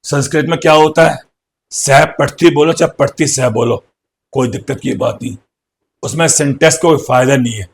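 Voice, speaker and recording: A man's voice: mid-range voice, moderate pace, gravelly, breathy edge. A man teaching a grammar lesson, asking questions and answering them himself. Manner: explains by asking and answering his own questions. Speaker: English teacher.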